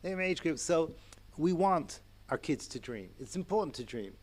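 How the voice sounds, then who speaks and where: A man in his sixties giving a Torah lecture to an audience, animated and chatty, with asides and chuckles. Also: a little high, moderate pace. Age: 60s. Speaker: rabbi and lecturer.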